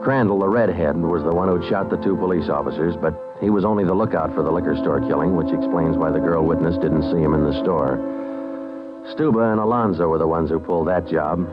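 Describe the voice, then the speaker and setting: A man's voice: sits low, fairly quick, lightly acted. An American man playing a stoic police detective narrating his case in a clipped, matter-of-fact way in a 1950s radio crime drama. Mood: businesslike, deadpan. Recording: muffled vintage radio recording with music.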